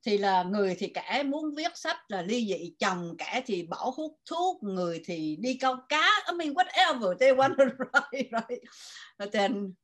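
Older Southern Vietnamese woman, interview guest, slightly high voice, lively code-switching storyteller. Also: measured pace. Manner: animated, mixing Vietnamese and English. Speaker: guest writer.

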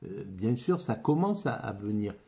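Halting, mellow-voiced French man musing. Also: fairly low pitch, very animated, slightly rough. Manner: halting, many repeated words and restarts. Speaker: amateur philosophy vlogger. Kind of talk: rambling spoken monologue.

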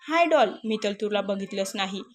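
A woman's voice: medium pitch, animated, moderate pace, slight background noise, close to an everyday voice. A woman voicing a teasing young male boss. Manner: playful, pushy, chatty. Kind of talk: storybook narration.

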